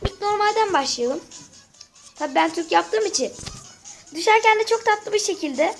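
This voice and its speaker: Over faint game music and background noise, a gaming channel host with a sore throat chats through a casual gameplay walkthrough. Her very high voice is animated and moderately paced, and she keeps addressing viewers as friends.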